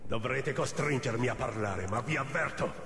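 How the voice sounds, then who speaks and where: An actor playing a haughty, pompous captive royal physician in a video game. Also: male voice, medium pitch, normal speed, crowd noise, close to an everyday voice. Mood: defiant. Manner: pompous, scornful. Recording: echoey hall reverb.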